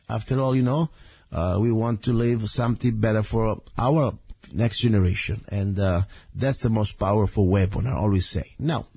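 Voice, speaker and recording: A man hosting a casual radio show in a rough caveman voice, hoarse and congested from a heavy cold, talking in a rambling, informal way. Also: on the low side, mellow, dry recording.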